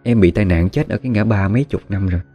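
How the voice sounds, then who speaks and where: A man voicing a young female ghost turned demon, who speaks to her victim in a soft, murmuring way. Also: fairly low pitch, quick pace, slightly rough, soft background music. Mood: coaxing.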